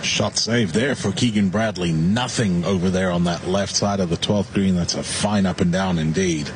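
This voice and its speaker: A man working as a golf commentator, offering measured live analysis of the play. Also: low voice, noisy background.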